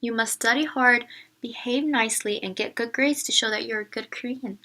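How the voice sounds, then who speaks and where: A woman's voice: on the high side, moderate pace, bright, forceful tone. A woman voicing a caring but firm Korean mother, proud of her heritage, in a storybook read-aloud.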